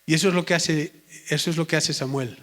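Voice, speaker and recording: A man preaching a sermon in an earnest way, slowing right down to stress his points. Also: on the high side, fairly even intonation, a bit bright. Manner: earnest, slows down sharply for emphasis.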